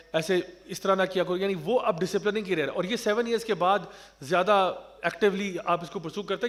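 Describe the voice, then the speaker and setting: A man giving an earnest religious talk on parenting, explaining point by point and mixing in English terms. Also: sits high. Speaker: Islamic speaker.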